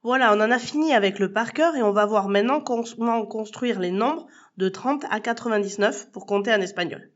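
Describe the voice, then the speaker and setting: A woman's voice: on the high side, brisk, few pauses, dull audio. A woman teaching a language lesson as a podcast, patiently spelling words out letter by letter and speaking directly to the listener. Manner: addresses the listener as tu. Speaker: Spanish teacher.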